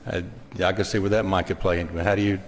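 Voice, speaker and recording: A man with a Southern US accent questioning a bill as a state senator, in halting, folksy phrases. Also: sits low, little pitch movement, slight background noise. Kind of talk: informal legislative debate. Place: large legislative chamber. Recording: long echoing hall reverb.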